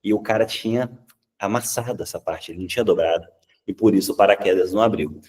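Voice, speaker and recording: A Brazilian man with a fairly low voice gives a public speaking lesson in a chatty, animated way. He often tags his points with a quick "tá?" and acts out examples. He sounds set back from the microphone. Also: far from the mic. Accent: Brazilian Portuguese. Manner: lively and conversational, often ending points with "tá?".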